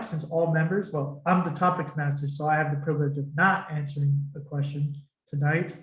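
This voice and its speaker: A man's voice: a little high, reverberant, poor audio. A man as topic master of a speaking club meeting, upbeat and welcoming, inviting guests to answer questions. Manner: upbeat, welcoming, formal phrasing. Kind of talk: meeting facilitation on a video call.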